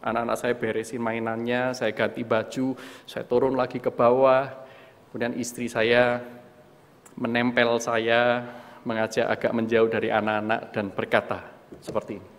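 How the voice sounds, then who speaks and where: A man's voice: mid-range voice, little pitch movement, normal speed. A middle-aged man preaching a sermon, telling a story about himself and acting out his own outbursts, often calling his listeners "saudaraku". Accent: Indonesian. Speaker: pastor. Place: church hall. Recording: long hall reverb.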